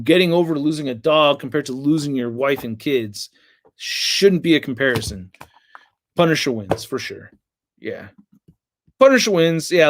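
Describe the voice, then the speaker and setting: A man's voice: a little high, no room sound, clean studio sound. A man in his late thirties hosting a casual toy livestream, tired and yawning, rambling with crude jokes and lots of fillers. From United States. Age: late 30s. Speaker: toy reviewer and livestream host.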